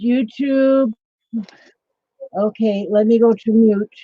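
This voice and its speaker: A fairly high-voiced woman chatting on a live stream. Her voice doubles back as an echo from a second device. The sound is dull and lo-fi, and she seems a little off the mic. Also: fairly even intonation, takes it slowly. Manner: chatty, checking her settings aloud. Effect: her voice echoing back from a second device playing the stream. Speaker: crafter co-hosting a live stream. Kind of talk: casual live-stream chat.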